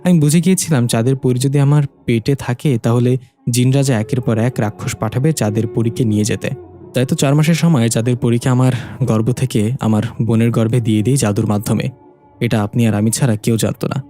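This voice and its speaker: A grieving woman who pleads and apologizes through tears, as a male narrator voices her. Her lines are read in his own mellow voice, with soft music behind. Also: mid-range voice, fairly quick, natural voice. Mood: pleading. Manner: pleading, tearful. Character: grieving, tearful adult woman, the dead mother's twin sister.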